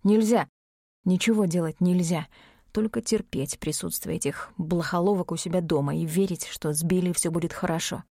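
A woman reading an audiobook, voicing a tense, furious young male necromancer in a low, strained voice. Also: steady tone, moderate pace, dark tone, dry recording, clean studio sound. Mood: tense, angry.

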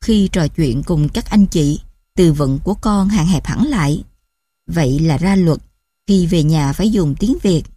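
A woman's voice: sits low, measured pace, slightly rough, no echo, studio quality. A woman, tenderly telling stories as a mother. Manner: tender, gently affectionate storytelling. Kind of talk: storytelling narration.

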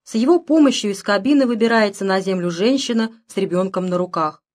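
A woman narrating an audiobook in a measured, expressive storytelling manner. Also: mid-range voice.

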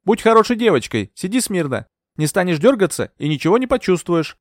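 A man's voice: high-pitched, sing-song, fairly quick, dry recording, clean studio sound, voice pushed up. A man reading an audiobook, voicing a composed, firm female nurse. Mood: coldly calm. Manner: imperturbable, firm. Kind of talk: audiobook character voice.

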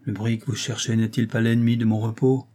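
A man's voice: mid-range voice, little pitch movement, a little fast, mellow, natural voice. A man voicing a stern, wounded husband who argues with severe emphasis.

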